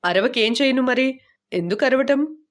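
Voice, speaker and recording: A boastful young man who likes to show off what he knows, in a storybook reading, as a woman narrator puts him on. His lines leap up eagerly and then sink low when he backs down, with a woman's mid-high voice underneath. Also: expressive, moderate pace.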